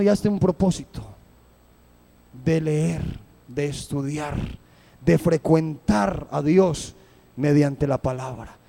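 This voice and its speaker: A man preaching a fervent live sermon, who slows right down to read scripture with heavy emphasis. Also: sits high, vocal fry, mellow.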